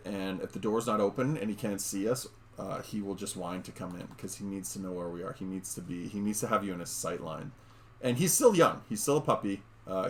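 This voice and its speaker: A man with a low, creaky voice, with a little hiss or hum audible, chats through gameplay at home. The gaming YouTuber talks directly to viewers, calls them "guys," and drops plenty of fillers.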